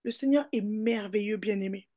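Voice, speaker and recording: A woman pastor giving a fervent sermon, repeating calls of hallelujah and beloved, swinging between emphatic peaks and soft asides. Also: mid-range voice, moderate pace. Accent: French.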